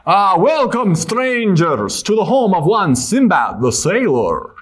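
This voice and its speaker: A man's voice: high-pitched, sing-song, slow pace, heavily acted. A man voicing a self-important sailor adventurer in a theatrical puppet show, grandly speaking of himself in the third person. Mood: grandiose. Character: dramatic adult male sailor adventurer puppet, self-important, prone to despair.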